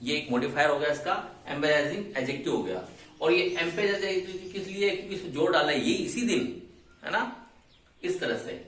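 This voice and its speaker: A man's voice: a little high, fairly quick, fairly bright tone. A man teaching an English grammar lesson, explaining step by step and asking and answering his own questions. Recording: echoey room from a distance.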